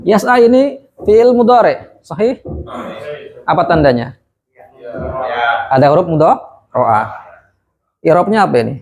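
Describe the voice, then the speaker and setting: A man teaching Arabic grammar in a prayer room, quizzing his students with quick questions and then repeating and explaining each term. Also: high-pitched, animated, a little mellow. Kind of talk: classroom lesson.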